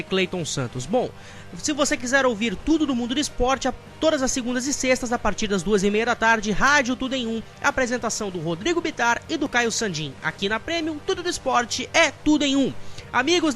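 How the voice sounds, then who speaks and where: A man with a Brazilian accent hosts a motorsport talk show. His voice is strikingly high for a man as he presents and hands over to colleagues. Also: a bit bright. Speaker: host.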